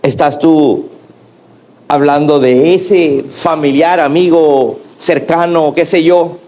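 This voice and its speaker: Lively high-voiced pastor preaching. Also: male voice, takes it slowly. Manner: animated preaching with acted-out quotes and call-and-response. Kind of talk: sermon.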